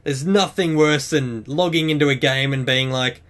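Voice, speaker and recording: A man's voice: mid-range voice, moderate pace, a bit bright. A young man hosting a casual game tutorial as a voice-over, chatty and upbeat with self-mocking asides.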